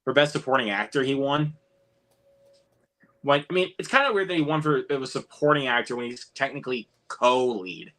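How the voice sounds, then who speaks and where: Brief: an opinionated man in casual film talk, bright and animated. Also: mid-range voice, brisk. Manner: opinionated, repeats words.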